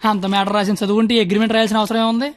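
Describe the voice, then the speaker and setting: A man's voice: sits high, flat delivery, racing, lightly acted. An actor playing a boastful young man in love, in film dialogue.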